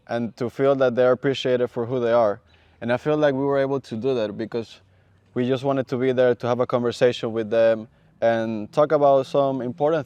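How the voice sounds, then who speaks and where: A man from Venezuela, a seminarian calmly explaining in a measured, thoughtful way. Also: mid-range voice, clear, resonant tone, dry recording, lo-fi sound. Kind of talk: casual explanation.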